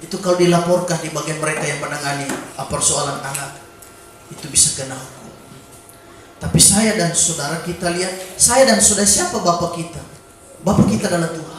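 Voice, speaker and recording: A man preaching a sermon in a church, breaking into sudden shouted calls and exclamations. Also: high-pitched, a little hiss or hum. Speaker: pastor. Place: church during a Wednesday evening service. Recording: very echoey church hall.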